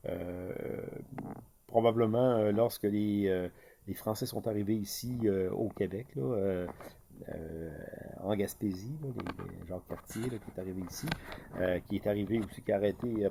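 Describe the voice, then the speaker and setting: Quebec guy rambling about markets, lots of euh, mellow tone, bit of noise behind. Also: on the low side, vocal fry. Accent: Québécois French. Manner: hesitant, many fillers and restarts. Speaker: market commentator. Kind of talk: casual video commentary.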